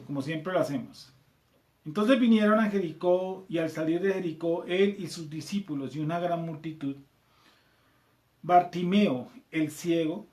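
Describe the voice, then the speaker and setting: A Colombian man leads a scripture class, reading passages aloud and going over them again. His voice sits a little high for a man. The room around him is noticeably echoey. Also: a little mellow. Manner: reads verses aloud, repeats them, checks in with "¿cierto?". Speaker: Bible study teacher.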